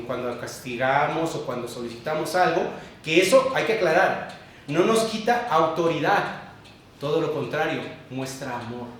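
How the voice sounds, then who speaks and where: Man preaching in an echoey church. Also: a little hiss or hum. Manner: emphatic preaching with sudden drops to a low hush. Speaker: pastor. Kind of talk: sermon. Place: church sanctuary. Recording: very echoey church hall, mic far off.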